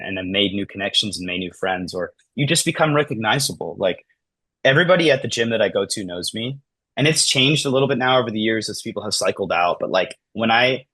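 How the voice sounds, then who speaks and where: Low husky man chatting animatedly. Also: dry recording. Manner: animated, acts out dialogue in lively voices, says "like" and "man" often. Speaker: podcast guest. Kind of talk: casual podcast conversation.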